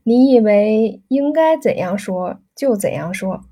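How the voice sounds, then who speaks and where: A woman's voice: mid-range voice, expressive, unhurried, mellow. A woman reading as an insistent young suitor. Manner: pleading, pressing. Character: insistent young rich man proposing.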